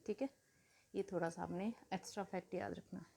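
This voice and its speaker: A woman teaching a grammar lesson to students, repeating key words slowly, asking questions and answering them herself, and telling the children to write things down. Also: fairly low pitch, steady tone, creaky, warm tone. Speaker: Hindi teacher.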